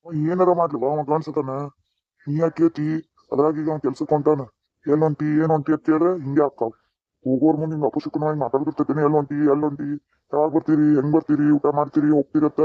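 A man's voice: on the high side, level tone, fast, dry recording, natural voice. A man voicing a bitter, scolding older mother-in-law with a North Karnataka accent in a cartoon. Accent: North Karnataka Kannada. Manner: scolding, taunting. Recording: dry, dull lo-fi sound.

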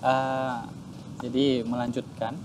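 A man, a guest telling a personal story in an animated way, often repeating words. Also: mid-range voice, slow. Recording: steady background noise.

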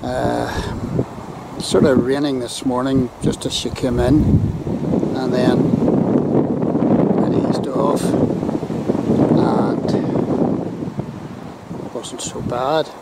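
A Northern Irish man talks slowly and casually as he films from a hillside, dropping the odd wry aside. His voice has a gravelly edge, and loud wind roars over the handheld camera mic. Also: medium pitch, level tone. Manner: slow, chatty, wry asides. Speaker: vlogger filming the view. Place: outdoors on a windy hillside.

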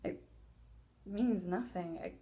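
A woman in her twenties playing a defensive young woman recalling a lost love in a halting, emotional theatrical monologue. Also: on the low side. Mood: defensive, exasperated. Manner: halting, emotional, swinging between loud insistence and hushed wistfulness. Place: indoor room, plain wall.

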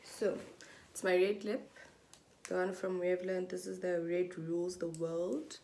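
A young South African vlogger, filming in a small indoor room, casually shows viewers what she packs in her bag. Her voice is lowish and gravelly, with a little hiss or hum on the recording. She is chatty, slow and relaxed, slipping in Setswana phrases.

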